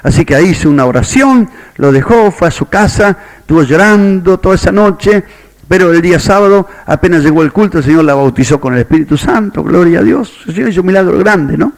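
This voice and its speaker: A man's voice: sits high, lively intonation, brisk. A man with a Rioplatense Spanish accent preaching a sermon as a pastor, telling a story and quoting its characters. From Argentina.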